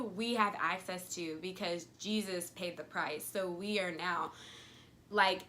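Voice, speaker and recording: A young woman, a faith vlogger, talks earnestly to camera about her beliefs in a casual devotional style, chatty and relaxed. She acts out little quoted voices along the way. Her voice sits at medium pitch with a fairly bright tone.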